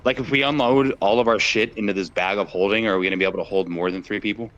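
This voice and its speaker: A man's voice: fairly low pitch, fast, a bit bright, a little hiss or hum. Hesitant man on a muffled call. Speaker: tabletop game player. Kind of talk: casual online game chat. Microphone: video call.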